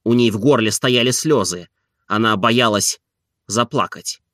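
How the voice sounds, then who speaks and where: A man narrates a classic novel at a calm, measured pace. His voice is bright and forward, recorded dry and close with no room sound. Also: on the low side, no room sound. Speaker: audiobook narrator. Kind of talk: literary audiobook narration.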